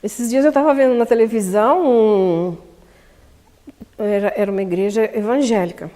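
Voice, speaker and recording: A woman's voice: medium pitch, normal speed, mellow. A Brazilian woman teaching public speaking at a seminar, talking emphatically and asking the audience questions. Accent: Brazilian Portuguese. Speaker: lecturer at a spiritist center seminar. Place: community hall. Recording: long hall reverb.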